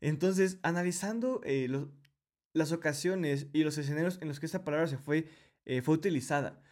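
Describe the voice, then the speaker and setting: A man's voice: a little high, normal speed, a little mellow. A man teaching a Bible study, explaining step by step and addressing the listener directly. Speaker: Bible teacher, podcast host.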